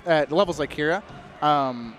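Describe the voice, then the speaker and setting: A man's voice: on the high side, fairly bright tone, soft background music. A young man casually commentating a video game match, joking and teasing his co-commentator. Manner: joking, teasing, quick banter. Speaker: esports commentator.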